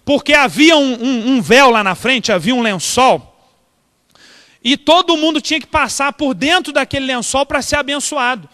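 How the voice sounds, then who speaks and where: A Brazilian pastor preaches in a strikingly high, bright voice. He tells his story animatedly and keeps asking the congregation questions. His voice rings with the long reverb of a church hall. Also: moderate pace. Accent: Brazilian Portuguese. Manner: animated, acts out dialogue, asks the congregation questions. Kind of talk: storytelling sermon.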